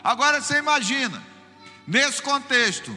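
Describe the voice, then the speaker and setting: A man's voice: extremely high pitch, moderate pace, in a large hall, faint music behind. A man preaching a sermon with a Brazilian accent. As a pastor he tells humorous stories and keeps turning to the congregation as brother. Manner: lively, humorous storytelling, often addressing listeners as brother.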